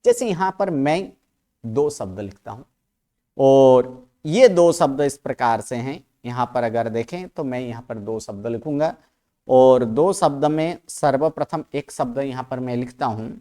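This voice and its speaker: A man teaching a grammar class, who explains slowly, repeats his points, and keeps putting questions to his students while he writes on a board. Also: medium pitch, expressive, warm tone. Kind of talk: classroom lecture.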